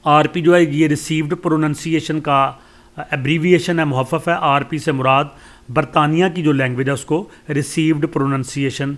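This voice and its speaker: A man with a Pakistani accent teaching a lesson. He reads English lines slowly, then explains them at length with many hesitations. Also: fairly high pitch, fairly even intonation. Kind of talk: lecture explaining a course text.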